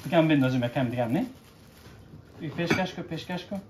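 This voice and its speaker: A man, gently coaching his child through baking at home, checking in with short questions. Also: a little high, noisy background. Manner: patient, coaxing, keeps checking with short questions. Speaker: father cooking with his child. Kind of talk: casual instructional chat with a child. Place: home kitchen. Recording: echoey kitchen room.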